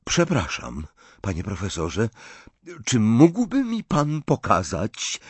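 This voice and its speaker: A man's voice: mid-range voice, big pitch swings, slightly rough, dry recording, pitched above the performer's own voice, full character voice. A man voicing a suspicious, commanding eleven-year-old orphan boy who flares into rage. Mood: demanding. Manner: imperious, quick to rage, hissing when awed.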